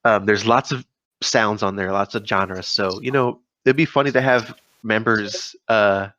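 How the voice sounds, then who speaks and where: A man with a fairly low voice chats loosely on a gaming podcast, rambling and laughing between thoughts. His voice sounds dry and close, on a dull, lo-fi home mic. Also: steady tone, a little slow, fairly bright tone, no echo. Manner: rambling, laughs often, many fillers and restarts. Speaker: podcast co-host. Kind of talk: casual chat.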